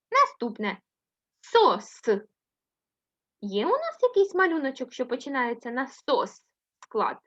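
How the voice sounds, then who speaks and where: Brief: Ukrainian woman, first-grade teacher, high and animated, sing-song syllable drills, muffled lo-fi recording. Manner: slow, sing-song syllable-by-syllable reading with frequent "так?" checks; affectionate praise of pupils. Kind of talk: remote reading lesson for young children.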